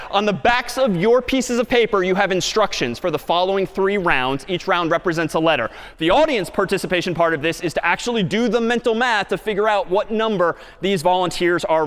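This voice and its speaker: Male lecturer with a high voice, upbeat and engaging, recorded in a reverberant lecture hall. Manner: lively, questioning the audience. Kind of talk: university lecture. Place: large lecture hall stage.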